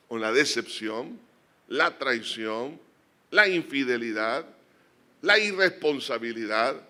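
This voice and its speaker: Bright-voiced male pastor preaching a sermon. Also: fairly high pitch. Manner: preaching with rising emphatic peaks and quiet earnest prayers.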